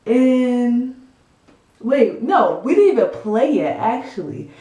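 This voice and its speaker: A woman's voice: on the high side, sing-song, slow, dark tone. Young girl chatting away telling a storytime, kinda echoey, lots of likes and ums. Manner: chatty, rambling, full of fillers. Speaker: storytime vlogger. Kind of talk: casual storytelling. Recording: echoey room.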